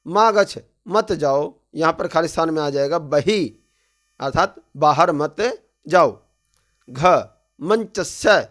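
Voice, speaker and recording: A man teaching a textbook lesson, reading each phrase and then explaining it plainly. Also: on the high side. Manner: calls out drill words loudly one by one. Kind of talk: line-by-line textbook translation lesson.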